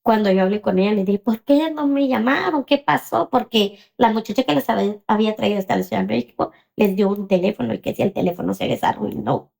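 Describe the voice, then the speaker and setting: A woman, recounting her story as an interview guest. Her voice has a gravelly, fry-laden texture. She speaks hesitantly, often pausing on fillers and checking in with the listener. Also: medium pitch, fairly even intonation, dark tone. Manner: hesitant, many fillers and "¿verdad?" tags.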